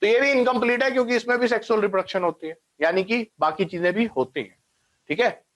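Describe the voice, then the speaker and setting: Speaking fast in a high, fairly bright voice, a man teaches biology online. He breaks things down step by step, uses English science terms along the way, and often asks whether students are with him.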